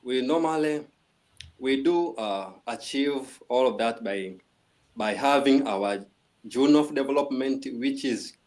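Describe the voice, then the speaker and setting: Formal male guest from Tanzania, mid-pitch, stops and restarts often. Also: a little slow, darkish tone. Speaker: guest, organization vice president. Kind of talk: formal presentation on a video call. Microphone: video call.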